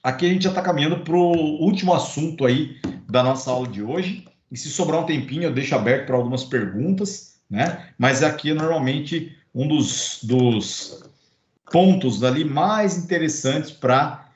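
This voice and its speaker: A man's voice: fairly high pitch, moderate pace, slight background noise. Man, Brazilian Portuguese accent, course instructor, conversational lecture, roomy echo, muffled sound. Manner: conversational, many fillers and checking tags. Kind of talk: online lecture. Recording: roomy, dull recording.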